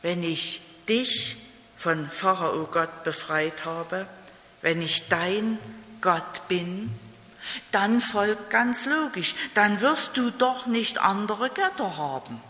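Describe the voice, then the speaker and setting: A preacher delivers a sermon slowly and deliberately, hammering home key phrases and throwing in rhetorical questions. The voice is bright and sharp-edged. It rings through a large, roomy hall with a long reverb tail. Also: mid-range voice, expressive.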